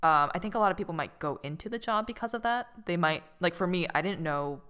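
A woman's voice: lowish voice, lively intonation, quick pace, a bit bright, clean tone. A woman working in finance, chatting casually and poking fun at herself on a podcast. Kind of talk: casual chat.

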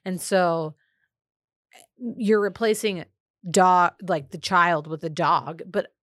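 A podcast co-host with a lowish, steady, fairly bright voice speaks slowly on a casual advice show, chatty and opinionated, with plenty of filler words. The studio-quality recording has no echo.

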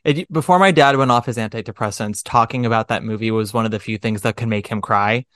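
A man hosting a casual podcast interview, talking in an animated, emphatic, jokey way. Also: lowish voice, quick pace, no echo. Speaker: podcast host.

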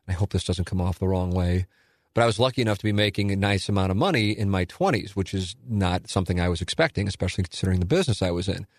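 A man's voice: fairly low pitch, dry recording, studio quality. A man in his forties hosting a solo listener Q&A, talking in a candid, rambling, self-deprecating way. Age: 40s. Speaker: radio and podcast host.

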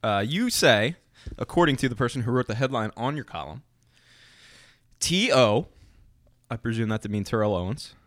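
A man's voice: mid-range voice, animated, moderate pace, long pauses, a bit bright, no room sound. A man with a Philadelphia accent chatting casually as a podcast co-host, rambling and joking with lots of fillers. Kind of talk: casual chat.

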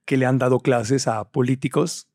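Husky-voiced Mexican podcast host. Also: male voice, medium pitch, fairly even intonation, darkish tone, no room sound, studio quality. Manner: quick asides, reads the ad plainly. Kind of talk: podcast conversation.

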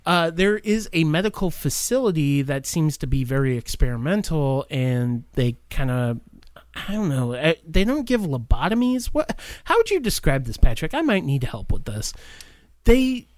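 Podcast co-host, man, rambling casual reviewer with fillers, a bit high-pitched. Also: big pitch swings, moderate pace, no room sound. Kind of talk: casual movie review chat.

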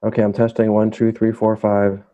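Lowish-voiced man on a dull remote call. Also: completely flat delivery, moderate pace, warm tone, slight background noise. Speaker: emergency doctor, interview guest. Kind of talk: candid conversational interview.

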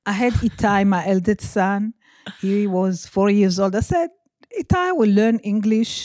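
Older woman, israeli accent, mellow warm tone, halting, restarts, dry close sound. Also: mid-range voice, animated, no room sound. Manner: halting, restarts sentences, searches for words. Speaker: guest, mother of a comedian. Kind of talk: casual interview chat.

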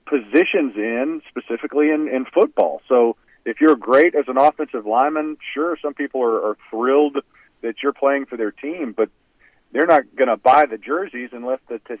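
A man, a former football player, answers interview questions in a measured, reflective way with hesitant restarts. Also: mid-range voice, dry recording. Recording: tinny phone line, dry.

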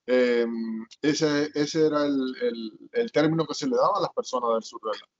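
A middle-aged man from Zulia, Venezuela, speaks in Zulian Venezuelan Spanish, his mid-range voice at normal speed. As an interview guest telling his life story, he rambles with many fillers and restarts, captured in dull lo-fi audio.

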